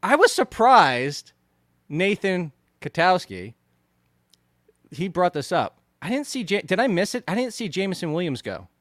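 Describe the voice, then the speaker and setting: A man with a fairly high voice and a lively, swooping delivery hosts a podcast in casual chat. He teases his co-host and presses his points insistently. The sound is dry and close. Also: unhurried, dry recording. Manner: animated, teasing, insistent.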